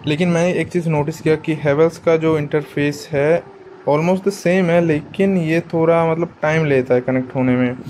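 A man's voice: fairly high pitch, fairly even intonation, normal speed, a little mellow, a little hiss or hum, poor audio. A man giving a casual how-to product demo, chatty and explanatory, talking straight to his viewers. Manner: chatty and explanatory, often addresses the viewers as guys. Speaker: product reviewer.

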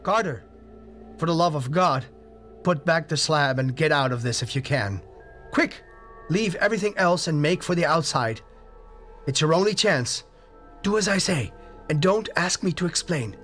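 A man voicing a terrified middle-aged explorer trapped underground, hoarse with fear and pleading frantically. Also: low voice, steady tone, normal speed, hardly any pauses, fairly bright tone, soft background music, pitched below the performer's own voice. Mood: urgent.

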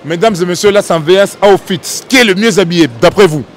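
A man's voice: sits high, fast talker, slight background noise. A young man interviewing passers-by in a city street, teasing and pushing them for answers, recorded outdoors under a covered plaza with a handheld mic. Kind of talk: street vox pop interview.

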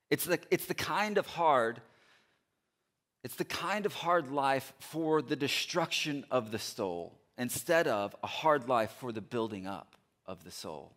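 A middle-aged man preaching a sermon on a large church stage, speaking into a headset mic. He repeats phrases with earnest emphasis, moving between loud urging and quiet appeals. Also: medium pitch. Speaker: pastor.

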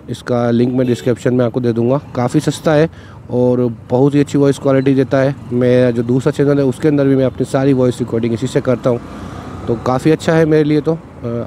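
A young man with a warm, medium-pitched voice vlogs casually while riding his motorcycle through city traffic outdoors. He chats and explains things into a cheap wired clip-on mic, often repeating "ठीक है", with traffic noise from the ride behind him.

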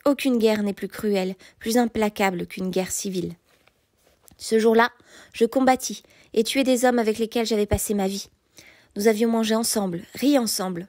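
A woman reads a story aloud in a measured, softly hushed voice that sits a touch high. The recording is close and completely dry, with no room sound. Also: dry recording. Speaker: audiobook narrator. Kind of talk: scripted audiobook narration.

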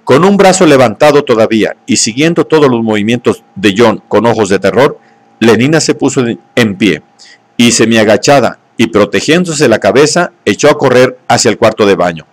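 A man reading a novel aloud in scripted narration, at a steady, measured pace. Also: medium pitch. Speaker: audiobook reader.

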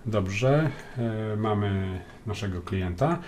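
Calm low-voiced Polish man teaching coding. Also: slow pace, slight background noise. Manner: calm, explains step by step with frequent "e" hesitations. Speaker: programming tutor. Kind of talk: screen-recorded coding tutorial.

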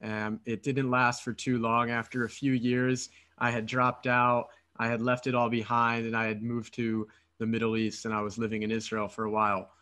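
A man's voice: medium pitch, flat delivery, moderate pace, hardly any pauses, pushed and bright. 30s guy from philly hosting a podcast on a headset, eager, talks in long runs. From Philadelphia, United States. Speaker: podcast host. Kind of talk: casual podcast interview. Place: apartment room, video call.

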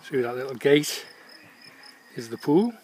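A man's voice: medium pitch, measured pace, slight background noise. Chatty middle-aged man filming outdoors. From England. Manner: chatty, relaxed, thinking aloud with ums. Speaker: homebrew vlogger reviewing beer and cider. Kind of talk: casual chat to camera. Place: garden outdoors on a sunny day. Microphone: camera at arm's length.

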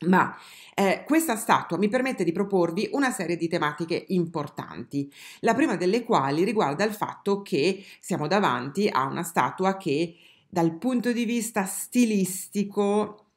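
A woman giving an art history lesson as a voice-over, talking straight to her viewers with many fillers and restarts. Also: sits low. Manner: addresses viewers directly.

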